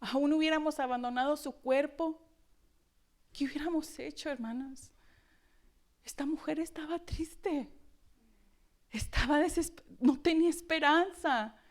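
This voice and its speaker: A woman preacher delivering a Sunday sermon with expressive, dramatic rhetorical questions. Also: high voice, a little slow, long pauses.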